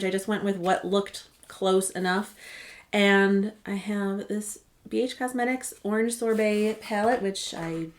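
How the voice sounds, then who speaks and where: A woman beauty vlogger casually walking through her chosen products, chatty and often correcting herself mid-sentence. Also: mid-range voice. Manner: chatty, self-correcting, rambling asides.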